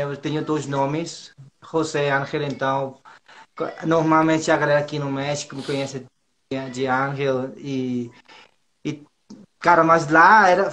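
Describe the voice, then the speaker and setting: A man from Monterrey in northern Mexico, a native Spanish speaker with a Mexican accent, chats casually as an interview guest. His voice is a little high and a bit bright, with a little hiss or hum in the recording. Nervous and hesitant, he speaks haltingly, repeating himself often and using slangy tags.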